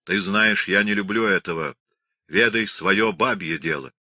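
A man's voice: fairly low pitch, animated, takes it slowly, bright, forceful tone, dry recording, clean studio sound, heavily acted. A man voicing a proud, hot-tempered young Cossack husband, speaking sternly and commandingly.

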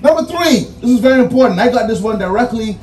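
A man's voice: very high voice, animated, fast, a little mellow. Emphatic Bahamian man preaching at graduation. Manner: emphatic, repeats key phrases, numbered points. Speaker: commencement speaker. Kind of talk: commencement address with preaching cadence. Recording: roomy echo, distant mic, faint music.

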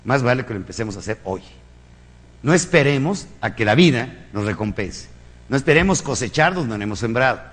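A man's voice: mid-range voice, lively intonation, brisk, fairly bright tone, big-room sound. A man with a Mexican accent giving a live motivational lecture, emphatic and preaching, with rhetorical questions and crude jokes. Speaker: motivational speaker.

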